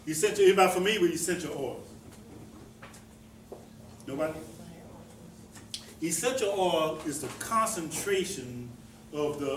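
A man with a fairly high voice gives a folksy, rambling talk, repeating himself and tossing questions out to the people in front of him. He sits back from the microphone, so he sounds distant in an echoey room. A faint hum of room noise runs underneath. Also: a bit bright. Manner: folksy, repetitive, asks the audience questions. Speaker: presenter teaching about herbs. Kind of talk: informal talk to a small audience.

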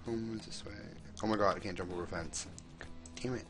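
A young man giving casual, excitable commentary while he plays, exclaiming often and talking to the characters on screen. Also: lowish voice, fast talker, over music. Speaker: gameplay commentator.

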